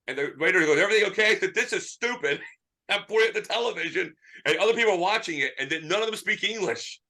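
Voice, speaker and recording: A man with a bright, forceful voice and a slightly high pitch tells an animated movie story. He rants freely and slips into impressions as he talks. The feel is a relaxed podcast chat. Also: quick pace, gravelly. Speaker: podcast co-host.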